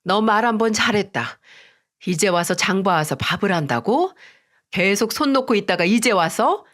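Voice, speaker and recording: A woman's voice: mid-range voice, lively intonation, normal speed, fairly bright tone, lightly acted. A woman voicing a stern older mother-in-law. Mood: stern scolding. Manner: stern, reproachful scolding. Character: angry older mother-in-law scolding her daughter-in-law. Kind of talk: Korean radio story drama.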